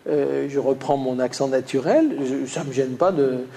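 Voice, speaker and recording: A man's voice: mid-range voice, moderate pace, gravelly, mellow, slight background noise. A man from Lyon with a slight Lyonnais accent, giving a classroom lecture with slides, full of hesitations and restarts. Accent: Lyonnais French, slight. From Lyon, France. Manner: hesitant, many "euh" fillers and restarts.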